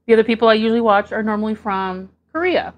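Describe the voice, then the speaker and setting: A woman from Canada hosting her own mukbang video, chatting casually and getting excited over each dish as she unpacks it. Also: on the high side, fast talker, muffled recording. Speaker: mukbang host.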